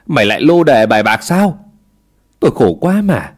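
A man voicing a worried older mother who scolds her son loudly. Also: medium pitch, very animated, moderate pace. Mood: scolding. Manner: scolding, loud.

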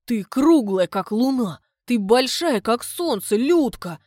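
A man's voice: very high-pitched, animated, slow, a little mellow, no echo, exaggerated voice. A woman reading the part of a clumsy, lovesick village man who pleads and babbles awkward compliments. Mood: pleading. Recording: dry close recording.

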